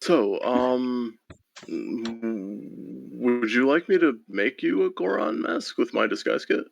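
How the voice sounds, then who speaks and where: A man's voice: medium pitch, lively intonation, takes it slowly, creaky. A man playing a tabletop game, talking casually and hesitantly with many fillers. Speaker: player.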